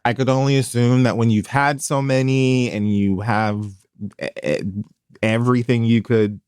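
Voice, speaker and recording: A man's voice: medium pitch, level tone, normal speed, a little mellow, smooth, dry recording, studio quality. A man co-hosting a podcast in casual, joking chat, sarcastic and swearing freely. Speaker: podcast co-host.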